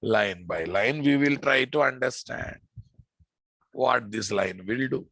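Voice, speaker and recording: A programming instructor with a Telugu Indian accent teaches a live class in an informal technical lecture, repeating phrases and often quizzing his students. His mid-range voice is slow, creaky and husky with a fairly bright tone. The recording is dry.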